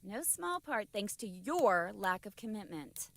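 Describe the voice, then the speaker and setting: A woman's voice: medium pitch, sing-song, a little slow, creaky, a little hiss or hum. A woman voicing a stern, bossy young woman in a game who is often exasperated. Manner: curt, exasperated.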